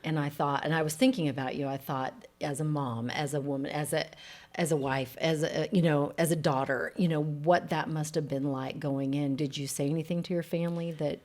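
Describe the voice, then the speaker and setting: A woman hosts a relaxed conversation. Her voice sits low for a woman, and she keeps up a steady stream of supportive affirmations. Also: brisk. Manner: supportive, with many short affirmations. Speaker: host. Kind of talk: casual interview.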